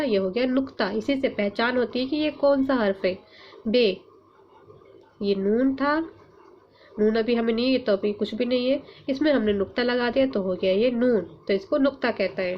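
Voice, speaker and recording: A woman teacher leading an online class for young pupils, drawing out letters and words slowly and asking coaxing questions. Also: on the high side. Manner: slow, drawn-out sounding of letters and words; patient, coaxing questions to children. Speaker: Urdu teacher. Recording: muffled lo-fi sound, faint hum.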